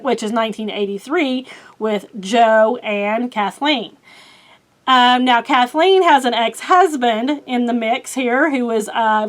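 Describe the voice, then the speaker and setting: Chatty Oklahoma woman with a high voice. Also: a bit bright. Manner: chatty, rambling with many fillers, laughs at herself. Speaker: book vlogger. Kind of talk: casual chat.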